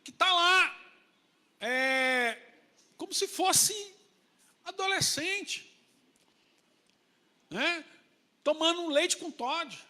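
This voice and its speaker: A Brazilian male pastor preaching in a casual, storytelling manner, acting out the people he talks about. His voice is very high and very bright, with a sharp, forceful edge. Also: drawn-out words, pauses often, big-room sound. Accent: Brazilian Portuguese. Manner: colloquial, animated storytelling with acted-out voices. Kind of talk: sermon.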